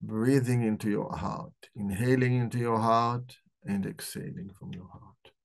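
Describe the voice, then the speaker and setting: Gravelly low-voiced man guiding meditation. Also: fairly even intonation. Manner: slow, soft-spoken guiding voice. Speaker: doctor hosting a book club. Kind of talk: guided meditation; live talk.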